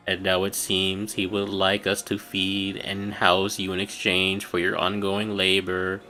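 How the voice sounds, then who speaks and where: A man's voice: low-pitched, bright, forceful tone, heavily acted. A man doing a cold, aloof game captain woman.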